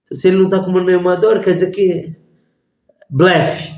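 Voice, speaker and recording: A man, a rabbi teaching a lesson through lively stories and acted-out voices. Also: sits high, normal speed. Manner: animated storyteller acting out voices. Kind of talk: storytelling lesson. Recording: echoey room.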